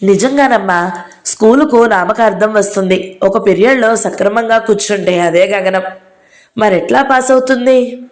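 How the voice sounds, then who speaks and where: A woman voicing a caring, outspoken teenage schoolgirl in an audio novel, talking quickly and indignantly. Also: medium pitch, natural voice. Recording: roomy echo.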